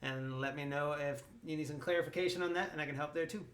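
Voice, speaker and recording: A man giving a casual guitar lesson in a relaxed way, with frequent ums and restarts. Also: fairly high pitch, fast. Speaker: guitar teacher. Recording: roomy sound with loud guitar. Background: his own guitar playing.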